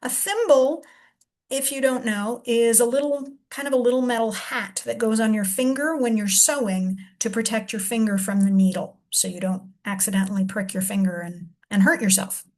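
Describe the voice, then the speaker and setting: Woman, reading teacher, slightly high voice, deliberate sounding-out, patient explanations. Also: fairly even intonation. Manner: slow, deliberate sounding-out of syllables. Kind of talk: instructional reading lesson.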